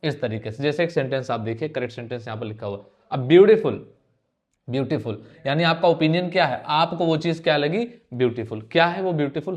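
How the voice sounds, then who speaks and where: Man teaching grammar with rhetorical questions. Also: a little high. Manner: rhetorical questions, teasing, conversational. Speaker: exam prep teacher. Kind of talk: online grammar lesson.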